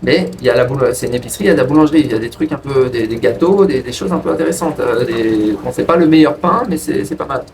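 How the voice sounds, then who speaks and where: A man's voice: fast, few pauses. A man casually telling a personal story to his viewers in a rambling way, with frequent restarts. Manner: rambling, restarts, lively pitch jumps. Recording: distant from the mic with faint ambient noise.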